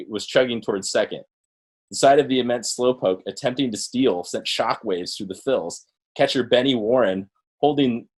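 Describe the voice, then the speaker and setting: A man putting on an old-timey 1940s baseball announcer voice, reading a period newspaper story aloud with theatrical, drawn-out emphasis. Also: mid-range voice, darkish tone, natural voice.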